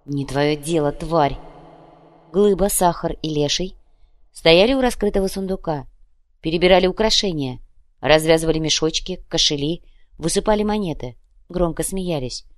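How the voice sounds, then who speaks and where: A woman narrating a tense audiobook in a measured voice. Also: lowish voice, dry recording, studio quality.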